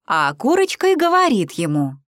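A woman reading a children's fairy tale aloud in an expressive, sing-song way. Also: fairly high pitch, normal speed, dry recording, studio quality. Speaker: storyteller.

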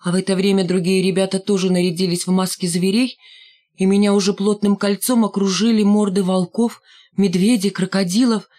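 A woman's voice: mid-range voice, steady tone, fairly quick, mellow. A woman narrating a novel in the first person, reading expressively. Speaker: audiobook reader.

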